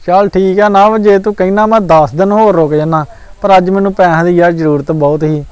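A man's voice: high-pitched, fairly even intonation, fairly quick, darkish tone, smooth, dry recording, natural voice. An actor playing a friend who insists on getting his money back. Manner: complaining, insistent.

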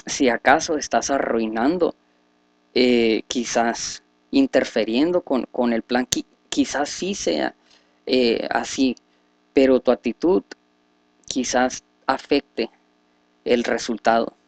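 A man's voice: medium pitch, slow, vocal fry, no room sound. Man teaching a Bible study. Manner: reads scripture then explains at length with many fillers and restarts. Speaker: religious teacher.

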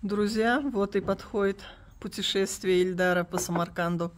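A woman's voice: mid-range voice, steady tone, moderate pace. A woman, chatting casually as a travel vlogger and guide out and about. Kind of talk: casual on-location vlog chat. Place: busy open-air bazaar.

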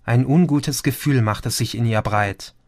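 Reading as narrator of a science fiction audiobook, a mid-range-voiced man delivers scripted narration calmly and with measured pacing. There's no room sound, just clean studio audio.

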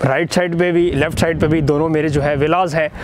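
A young man with a Pakistani Urdu accent hosts an outdoor real estate update, standing among half-built houses. His voice sits high for a man, and he talks to camera on a lapel mic. He fills pauses with "uh" and often restarts his sentences. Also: fairly even intonation, a little hiss or hum. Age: young adult. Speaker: property channel host. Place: outdoors on a construction site street.

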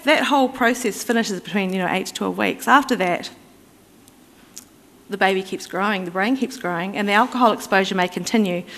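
A woman presents at a conference at a mid-range pitch, explaining step by step in a conversational way. She pauses on fillers and restarts now and then. Her voice carries a long reverb from the hall around her. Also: a bit bright. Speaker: conference speaker.

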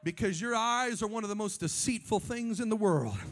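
A man preaching a Pentecostal sermon in a church, swinging between fervent shouts and hushed asides and calling on the congregation for amens. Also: high voice, fairly quick. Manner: calls on the congregation for amens and responses. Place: church sanctuary before a congregation.

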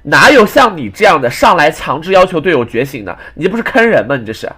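A young man recounts an annoying teammate from an online card game, griping and restarting his sentences as he goes. He talks quickly in a slightly high voice that swings up and down with feeling. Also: sing-song, bright, forceful tone, breathy edge. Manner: ranting, exasperated retelling with frequent restarts. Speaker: game commentator. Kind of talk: casual gameplay storytelling.

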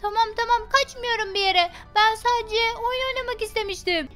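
A woman's voice: extremely high pitch, moderate pace, a bit bright, soft background music. A woman voicing a mischievous little girl in a game role-play, giggly and teasing. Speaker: Minecraft roleplay YouTuber.

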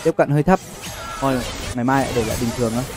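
A young man with a medium-pitched voice talks rapid-fire over music during a gaming livestream. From his indoor setup he keeps up casual, slangy, sweary game commentary, often repeating his phrases.

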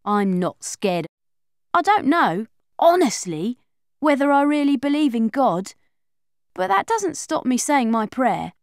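Here a woman with a high-pitched voice speaks unhurriedly, telling a children's audiobook in the first person as a young girl who is chatty, confiding and lively like a schoolgirl. There's no room sound, just clean studio audio.

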